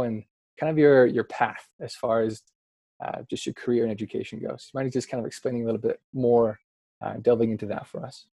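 A man's voice: medium pitch, dark tone, dry recording. A man interviewing a guest on a podcast, asking long, rambling questions full of fillers.

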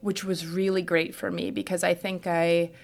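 Her fairly low, creaky voice holds a level tone at normal speed. She is a middle-aged trauma surgeon from Houston, United States, reflecting on and explaining her own story in a conversational podcast interview.

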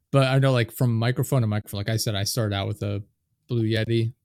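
A podcast host chats casually in an interview, speaking at normal speed in a mid-range, steady, darkish, slightly nasal voice with no echo. When he gets going he speeds up and trips over his words. He's recorded on a studio dynamic microphone.

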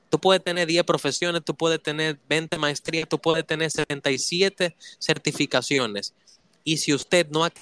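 Guy doing a motivational talk, bright punchy voice, dry sound. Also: on the high side, no echo. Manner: emphatic, addresses listeners directly with rhetorical questions. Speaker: motivational speaker.

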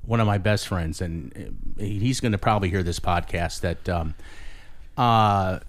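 A man hosting a podcast, talking in a loose, animated way and often restarting and repeating his phrases. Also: low voice, a little slow. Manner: talkative, animated, repeats himself. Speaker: podcast host. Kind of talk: casual interview chat. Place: New Orleans.

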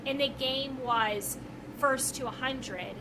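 A woman co-hosting a podcast, talking casually and telling stories in an animated way. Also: sits high, slow pace. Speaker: podcast co-host and trader. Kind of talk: casual conversational storytelling. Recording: clearly noisy recording.

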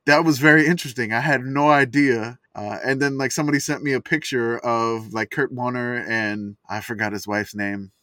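A man's voice: medium pitch, fairly even intonation, moderate pace, hardly any pauses, sharp tone, no room sound. A man hosting a casual sports chat podcast from inside a closet, rambling and chatty with plenty of fillers. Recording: dry, close sound from a closet.

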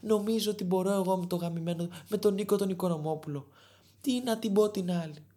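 A woman, a little drunk, rants in a loose, rambling monologue. She swears freely and sounds exasperated. Her voice sits in a middle pitch. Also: mellow. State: tipsy.

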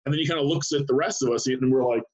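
A man who works as a sports writer, telling an animated anecdote in casual chat with many restarts. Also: mid-range voice, very fast, rough recording.

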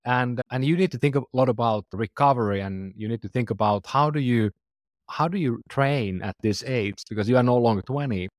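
A man's voice: medium pitch, fairly quick, dry recording. Finnish man in his forties, dry sound. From Finland. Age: 40s. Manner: earnest, loose phrasing with restarts. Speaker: startup founder and guest. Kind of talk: conversational interview.

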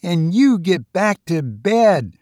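A man reading aloud, voicing a blunt, sharp-tongued older village woman. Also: high-pitched, big pitch swings, takes it slowly, dry recording, studio quality, heavily acted. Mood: pointed. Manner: blunt, pointed.

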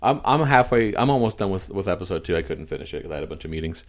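A man in casual podcast chat, relaxed and easygoing. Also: deep voice, racing.

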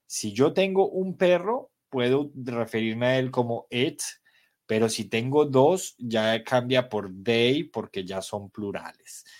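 Slow, patient male English teacher. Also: medium pitch. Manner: slow, patient explanations mixing Spanish and English. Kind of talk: live online English class.

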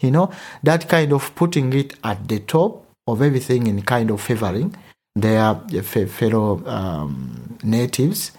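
A man's voice: medium pitch, very animated, measured pace, a little mellow, husky. A man from Uganda whose first language is Luganda, speaking earnestly in a discussion and often restarting to find his words. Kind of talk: conversational discussion.

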